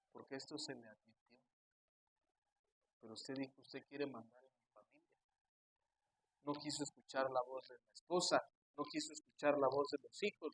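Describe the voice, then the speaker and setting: A man preaching as a pastor, telling stories and acting out his church members' voices, swinging from hushed storytelling to loud emphatic preaching. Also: fairly high pitch, husky, no room sound, rough recording. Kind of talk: sermon.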